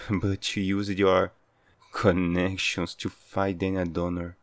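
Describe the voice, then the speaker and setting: Guy doing a lovesick yandere hothead, low gravelly voice, slow and possessive, audio roleplay. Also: flat delivery, dry recording. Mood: grudging, weary. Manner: yandere, intense pleading devotion. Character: obsessive, hot-headed yandere man, lovesick and possessive. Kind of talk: dramatic audio role-play.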